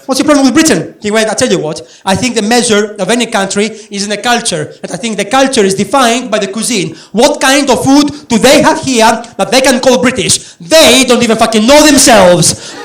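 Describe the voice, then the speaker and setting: A Greek-accented man in his thirties works a comedy club crowd with a brash, profane, chatty stand-up set. His voice sits very high for a man. The sound rings around a roomy club, with laughter breaking in behind him. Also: lively intonation, a little fast, hardly any pauses. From Greece. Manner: brash, sweary, conversational with the crowd.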